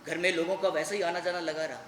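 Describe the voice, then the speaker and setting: A man giving a dramatic solo storytelling performance, moving between hushed narration and shouting. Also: a little high, fairly even intonation, fast talker, distant mic, slight background noise. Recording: echoey room with faint ambience.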